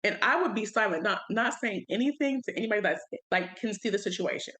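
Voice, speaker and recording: A young woman co-hosting a podcast, talking candidly in relaxed slangy chat and laughing often. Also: mid-range voice, quick pace, low-quality recording. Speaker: podcast co-host. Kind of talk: casual chat.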